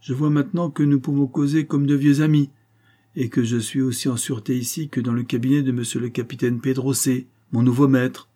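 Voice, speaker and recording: A man voicing a sly, mocking male schemer in a French adventure audiobook, speaking higher and louder than his narration. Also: level tone, a little fast, natural voice. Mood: smug. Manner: smug, taunting.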